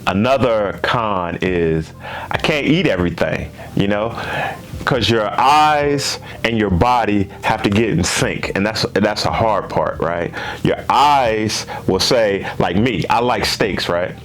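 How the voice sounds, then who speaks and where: A gaming channel host in his fifties chats casually to camera in a slow, fairly low yet bright voice with lively intonation. He talks to his viewers, repeating himself and tacking questions onto his lines.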